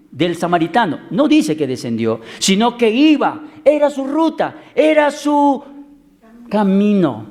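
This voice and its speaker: A pastor delivers a sermon in a fairly high male voice. He preaches with drama, jumping up in pitch and volume to stress a point and drawing words out slowly. When he tells a story he acts out the voices himself. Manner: dramatic preaching, swings loud and high for emphasis, slows words.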